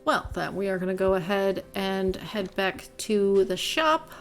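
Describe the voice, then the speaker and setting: A woman streams a game and talks it through in a loose, chatty way at a middle pitch. She thinks out loud with plenty of fillers, and soft game music plays faintly behind her. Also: expressive, a little slow. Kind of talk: casual gameplay commentary.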